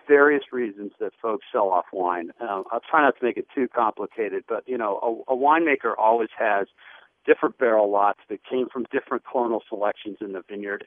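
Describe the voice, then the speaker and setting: A man from the wine business, his voice on the low side, answers interview questions in a relaxed, talkative way, dropping in lots of fillers. The sound is dry with no room echo, coming through a phone-like radio line.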